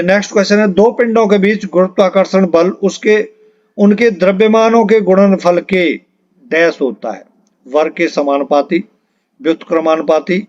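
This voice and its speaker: A man whose voice sits high with a darkish tone, heard through dull audio, walks through an exam-prep lesson step by step. He explains patiently and repeats key terms as he works through the questions.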